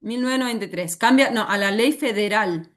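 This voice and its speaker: A woman's voice: on the high side, fast. A woman teacher with an Argentine accent, lecturing a class and often stopping to ask the students questions. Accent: Argentine Spanish. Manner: asks the class frequent questions.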